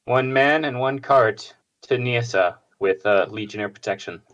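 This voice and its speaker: A man playing in a tabletop game, speaking hesitantly and haltingly. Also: mid-range voice, fairly bright tone, lo-fi sound. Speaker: player.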